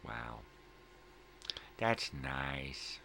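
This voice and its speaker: This middle-aged daily morning vlog host has a creaky bass voice that is bright and forceful, swinging widely in pitch as he draws out his words. His casual chat rambles along in a laid-back stoner drawl full of repetition, and background noise is noticeable.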